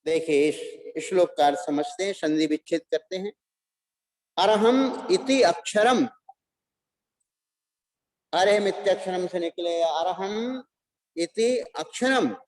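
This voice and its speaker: A male religious teacher leading a class, chanting verses slowly and explaining their meaning word by word. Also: high voice, darkish tone.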